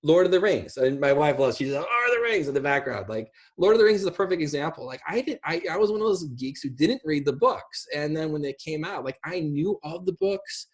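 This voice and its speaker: A middle-aged man, a guest on a video call from an indoor room at home, explains his ideas in a casual, rambling way through the call's microphone. His voice sits on the high side with big pitch swings, and he talks fairly quickly with few pauses.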